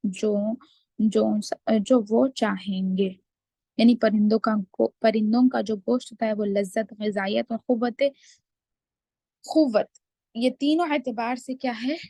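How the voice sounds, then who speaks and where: Slightly high-pitched woman teaching a recitation class, patiently spelling out each rule. She draws out the recited words slowly and deliberately. The sound is dry and close, with no room around her. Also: fairly even intonation, warm tone, dry recording. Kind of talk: online tajweed class.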